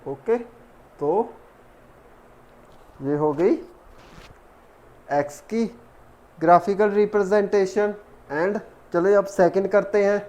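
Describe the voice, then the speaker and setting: A man's voice: high-pitched, takes it slowly, long pauses, a little mellow. A man teaching a math lesson step by step, counting terms aloud as he works. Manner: talks while working, counts terms aloud. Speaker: math tutor.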